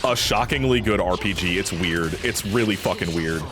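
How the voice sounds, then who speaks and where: A male streamer gives casual live commentary in a blunt, informal manner with plenty of swearing. Game music is clearly audible behind his voice. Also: sits low, moderate pace.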